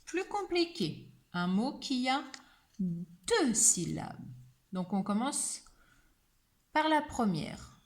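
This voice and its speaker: A woman teacher giving a slow, patient word dictation to a young child, sounding out each letter. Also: on the high side, big pitch swings.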